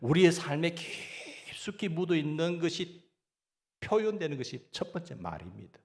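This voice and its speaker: A man's voice: on the high side, very animated, normal speed. A man with a Gyeongsang Korean accent preaching a sermon as pastor, asking the congregation questions and answering them himself.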